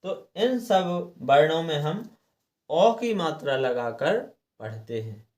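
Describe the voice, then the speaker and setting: A man with a slightly high, slightly mellow voice teaches English reading rules slowly but with great animation. He patiently repeats each rule, spells letters out one at a time and clears his throat now and then.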